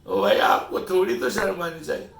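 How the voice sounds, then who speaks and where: A man's voice: high voice, sing-song, gravelly, a bit bright, slight background noise. A middle-aged man from Pakistan delivering an opinion monologue, lecturing and scolding his listeners with rhetorical questions. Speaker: channel host. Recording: echoey room, voice distant from mic.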